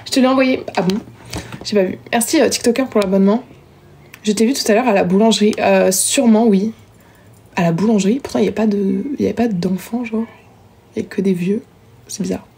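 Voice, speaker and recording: A woman's voice: mid-range voice, fairly even intonation, a little fast, vocal fry, warm tone. A young woman chatting casually with viewers during a live stream, self-mocking and talkative, recorded on a phone at home. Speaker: livestreamer.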